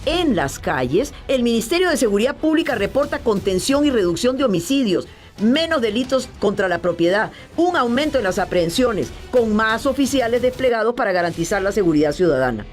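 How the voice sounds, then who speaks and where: A woman's voice: a little high, big pitch swings, fairly quick. A woman reading scripted news-style promotional narration. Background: music.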